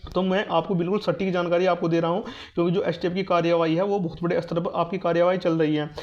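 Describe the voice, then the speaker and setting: Speaking quickly in a high, darkish voice that barely shifts in pitch, the YouTuber delivers an informal exam update. He covers exam news and guidance, going over points again to reassure students and tell them what to do. Audio is muffled, dull and low-fidelity.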